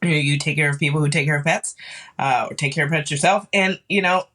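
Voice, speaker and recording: A woman guest on a podcast, grieving and tearful, talking haltingly with many restarts. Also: sits low, a bit bright. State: grieving, cried off and on. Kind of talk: casual chat.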